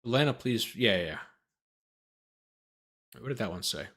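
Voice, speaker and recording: Hosting his legal commentary show, this lawyer reads from a document in an animated, fairly bright mid-range voice at a moderate pace. He keeps interrupting himself with sardonic asides tossed off on the spot.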